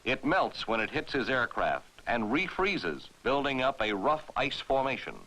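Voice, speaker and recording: This clip is a vintage 1960s military training film narrated by an American man in a formal, commanding, carefully enunciated style. His voice sits mid-range, sing-song and sharp, at a measured pace. The recording quality is low.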